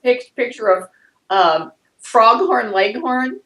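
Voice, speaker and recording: A woman's voice: a little high, animated, takes it slowly, a bit bright, rough recording. An older woman, a client in a healing session, talking through memories in a rambling, hesitant way and often breaking into laughter.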